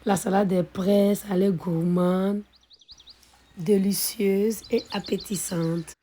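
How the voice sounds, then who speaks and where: A woman hosting a cooking video, calmly narrating each recipe step, her voice a little hoarse from being ill. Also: mid-range voice, slow. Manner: calm, methodical, repeats set phrases. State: slightly hoarse from illness. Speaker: cooking channel host.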